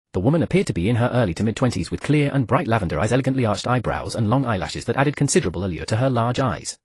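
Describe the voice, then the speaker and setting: A man narrating a novel as a scripted audiobook, in a fast, animated storytelling manner. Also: mid-range voice, breathy edge, dry recording, studio quality.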